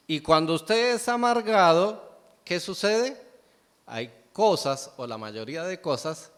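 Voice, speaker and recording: A man's voice: on the high side, fairly bright tone. Preaching man in a reverberant church. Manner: asks the congregation rhetorical questions, answers them himself. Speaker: pastor. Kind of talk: sermon. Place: church sanctuary. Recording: long church hall reverb.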